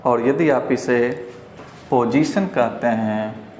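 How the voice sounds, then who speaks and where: A man with a Bihari Hindi accent teaching English pronunciation, explaining slowly and repeating each word for learners. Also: mid-range voice, a little mellow, slight background noise. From India. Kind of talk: pronunciation lesson. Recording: echoey room.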